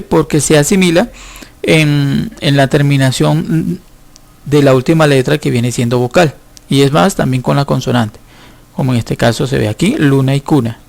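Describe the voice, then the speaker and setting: A male teacher walks students through a lesson, patient and explanatory, pausing to think aloud. His voice sits a little high for a man and carries a gravelly edge. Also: darkish tone. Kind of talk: recorded school lesson.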